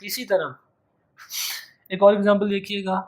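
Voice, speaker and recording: A man's voice: high-pitched, level tone, measured pace. A man giving an exam-prep grammar lecture, repeating key phrases and stretching out his example words. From Pakistan. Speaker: English teacher.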